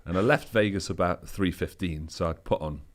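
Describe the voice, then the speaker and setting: A man's voice: sits low, normal speed. A man, a pro bodybuilder guest, telling easygoing anecdotes in a casual interview chat, loose with fillers.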